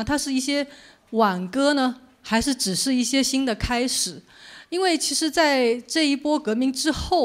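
A woman speaker giving an informal public lecture in a conversational, explanatory way. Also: on the high side. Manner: conversational, explanatory, poses questions to listeners. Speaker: journalist giving a book talk.

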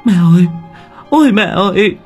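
A man's voice: high voice, expressive, moderate pace, faint music behind, pitched above the performer's own voice. A man voicing a terrified young woman who stammers as she cries out to her dead mother.

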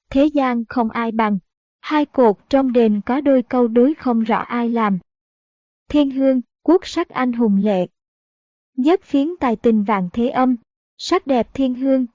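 A woman's voice: a little high, dry recording. A woman reading a historical novel aloud as narrator, going steadily through story passages and endnotes. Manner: steady reading, also of notes and citations. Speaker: audiobook narrator. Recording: dull lo-fi audiobook recording.

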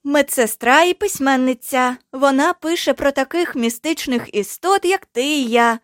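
A woman voicing a calm young woman, a mystical guide who explains patiently and jokes dryly. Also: sits high, moderate pace, no echo, studio quality, close to an everyday voice.

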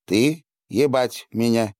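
A man voicing a small furry albino female creature who is desperate and tearful, speaking in high, broken-grammar outbursts. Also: slow, darkish tone, dry recording, studio quality, lightly acted. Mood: insistent.

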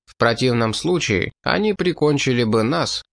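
A man's voice: mid-range voice, expressive, normal speed, creaky, dry recording, studio quality. A man reading an audiobook, voicing a hard, ruthless French marquis who speaks in a blunt, ironic and contemptuous way. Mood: scornful.

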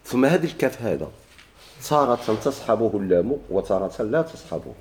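A man's mid-range, darkish voice moves at a brisk, sing-song pace over slight background noise. He has a Moroccan Arabic accent and is teaching a grammar lesson from a text, answering the questions he asks and repeating key words again and again.

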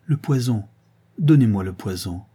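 A man's voice: medium pitch, measured pace, mellow, breathy edge. A man reading aloud voices a passionate young woman of twenty, lifting his voice and speaking in a feverish, urgent way. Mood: anguished.

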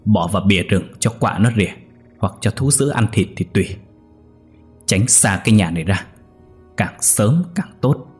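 A man's voice: on the low side, animated, normal speed, long pauses, a little mellow, slightly rough, faint music behind. A man voicing the harsh master of a wealthy house who angrily gives orders. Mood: furious. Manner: angry, commanding.

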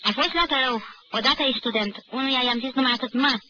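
A woman voicing a burly, boastful male student who talks in a loud, chummy, overfamiliar way, on an old archive recording. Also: extremely high pitch, dull audio, background noise. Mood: brash swagger.

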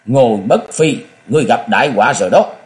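An icy masked swordsman, vengeful and cold, bites off each word with quiet menace, as a male narrator puts him on. The voice sits a little higher and pushes harder than a plain reading voice, with a wide, lively rise and fall. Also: moderate pace. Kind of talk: audiobook character voice.

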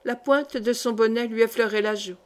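A woman narrates a classic short story in a steady, measured reading. Her voice sits fairly high, with even storytelling pacing. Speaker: audiobook reader. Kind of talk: literary narration.

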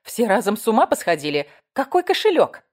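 A woman voicing an indignant middle-aged woman passenger who loudly protests her innocence. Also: medium pitch, very animated, a little fast, voice pushed up.

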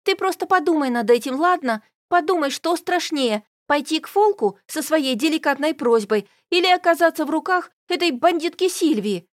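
A woman reading an audiobook and voicing a lively, pushy young woman friend who talks emphatically and coaxes insistently. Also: sits high, moderate pace, hardly any pauses, no room sound, clean studio sound, voice pushed up. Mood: coaxing. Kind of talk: audiobook character voice.

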